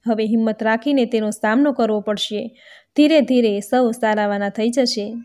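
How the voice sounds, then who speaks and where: A woman voicing a steady king who comforts his wife in a storybook tale, read in a plain voice. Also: a little high, moderate pace, natural voice. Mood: reassuring.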